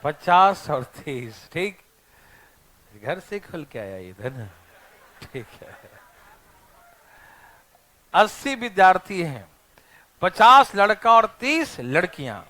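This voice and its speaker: A man's voice: sits high, big pitch swings, takes it slowly, pauses often, pushed and bright. A male math teacher lecturing a classroom, teasing his students and checking in with them constantly.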